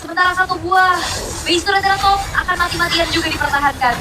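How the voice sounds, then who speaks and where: A woman's voice: very high voice, quick pace. A woman giving conversational live commentary on a game tournament as co-commentator. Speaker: esports co-commentator. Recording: very noisy live event sound.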